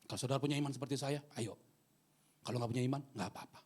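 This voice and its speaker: A male pastor, preaching a sermon in a church hall. He jokes with the congregation and swings between loud preaching and quiet asides. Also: mid-range voice, racing, husky. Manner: animated, joking with the congregation.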